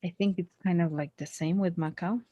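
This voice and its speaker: In a one-on-one lesson, a conversation tutor keeps the practice casual, her speech peppered with fillers and restarts. She talks briskly in a fairly low, steady voice, recorded lo-fi with no room sound.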